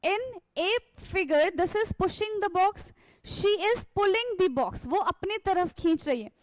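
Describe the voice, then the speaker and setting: A very high-pitched female teacher with an Indian English accent explains science step by step. She reads her English lines slowly and carefully and answers her own questions. The recording is dry and close, with no room sound. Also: expressive, no room sound. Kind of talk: classroom lecture mixing Hindi and English.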